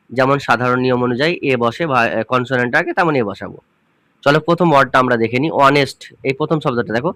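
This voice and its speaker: A male grammar teacher explains rules patiently, asking questions and repeating key points. His voice sits a little high. The recording is dry and close, with no room sound. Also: fairly bright tone, no echo. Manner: addresses viewers informally as students.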